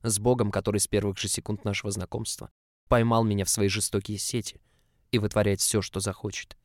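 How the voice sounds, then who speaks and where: A man reading a story aloud as scripted narration in an even, measured way, close to the mic. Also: lowish voice, no room sound. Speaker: audiobook reader.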